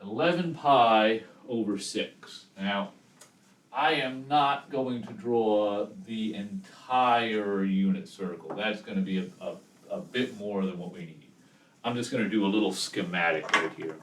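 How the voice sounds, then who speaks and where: Low-voiced male math teacher, echoey room. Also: unhurried, a bit bright. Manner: casual, step-by-step explaining with check-in questions. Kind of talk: chalkboard trigonometry lesson. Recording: echoey room, distant mic, background noise. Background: chalk scratching and clicks.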